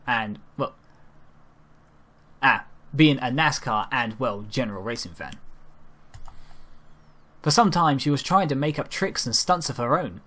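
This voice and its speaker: A man with a medium-pitched, fairly bright voice reads a first-person fan fiction story out loud. He's an amateur narrator and now and then stumbles over his lines.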